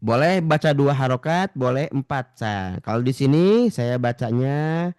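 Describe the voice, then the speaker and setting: A man with an animated, mid-range voice teaches Quran recitation in an online class. He patiently models slow, drawn-out recitation, repeating sounds for his students and addressing them as ladies and gentlemen.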